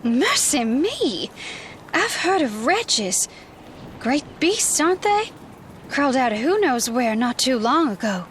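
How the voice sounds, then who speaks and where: Coy mystical fortune teller lady for a game, high voice, unhurried. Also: sing-song, a little hiss or hum, heavily acted. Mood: curious, teasing. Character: playful, mysterious all-seeing woman fortune teller. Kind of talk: video game character acting.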